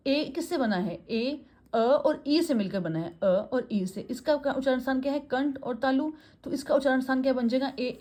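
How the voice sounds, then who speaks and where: A woman teaching a grammar lesson, asking questions and answering them herself, repeating vowel sounds slowly and mixing in English phrases. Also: sits high, darkish tone. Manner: asks and answers her own questions; mixes Hindi with English phrases.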